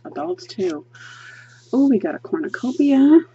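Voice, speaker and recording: Flipping through a coloring book at an indoor table, with her hands visible turning the pages, a woman reviews it in a chatty, gushing way and says plenty of ums as she thinks out loud. Her voice sits fairly high and is very animated, a little slow, and warm. The highs are cut off and there's slight background noise.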